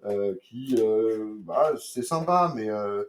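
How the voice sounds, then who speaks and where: A man's voice: lowish voice, expressive, slow. A man with a French accent, reviewing comics in a casual, hesitant way, full of fillers and restarts.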